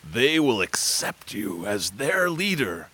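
A man's voice: fairly low pitch, sing-song, slow, sharp tone, husky, exaggerated voice, rough recording. An actor playing a wise, stern village chieftain instructing his sons in an audio drama. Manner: firm, fatherly instruction.

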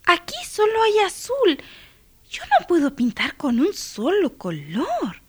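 A woman voicing a young girl who is upset that she lacks musical talent, with a high, pleading voice. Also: huge pitch swings, slow, no room sound, full character voice. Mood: surprised.

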